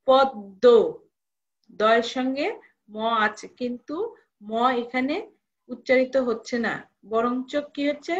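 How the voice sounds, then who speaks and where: A woman's voice: sits high, a bit bright, dull audio. A woman college lecturer giving a recorded lesson, repeating each rule and asking students questions.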